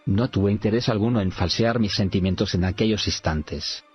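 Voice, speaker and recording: Deep-voiced male audiobook narrator. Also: breathy edge. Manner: measured, reads punctuation aloud. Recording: dull lo-fi recording, faint music.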